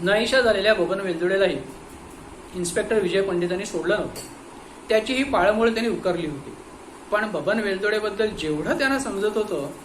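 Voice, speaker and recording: A man reads a detective story in measured, expressive narration. His voice sits high and bright. The recording carries a roomy echo with a faint hum underneath. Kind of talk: audiobook story reading.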